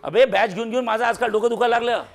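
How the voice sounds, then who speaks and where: A man's voice: extremely high pitch, rapid-fire. A man teaching a physics class in a classroom, quizzing and teasing his students with jokes. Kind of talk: classroom lecture.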